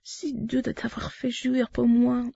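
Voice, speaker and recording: A woman in whispered role-play, talking intimately to the listener in soft whispers and moans, recorded lo-fi. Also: a little high, flat delivery, measured pace, gravelly, husky, no echo. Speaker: erotic audio performer. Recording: dull lo-fi recording.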